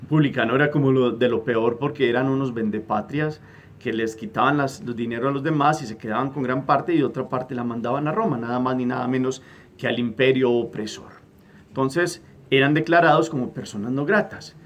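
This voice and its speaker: A man's voice: medium pitch, a little fast, highs cut off, a little hiss or hum. Emphatic preaching priest, a man. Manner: emphatic, repeats words while searching for phrasing; acts out quoted prayers with a raised, louder voice. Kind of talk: gospel homily.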